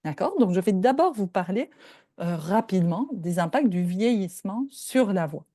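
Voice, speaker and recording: A woman's voice: mid-range voice, expressive, moderate pace, warm tone, no echo, studio quality. An older woman from Belgium, a professor giving a lecture and explaining points step by step, often checking in with her listeners. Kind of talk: lecture presentation.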